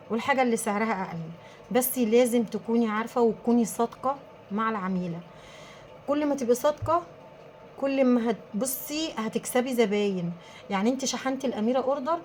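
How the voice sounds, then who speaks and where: Fast-talking Egyptian woman giving advice. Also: fairly high pitch, a little hiss or hum. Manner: emphatic, animated storytelling. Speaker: small business owner. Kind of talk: casual advice to viewers.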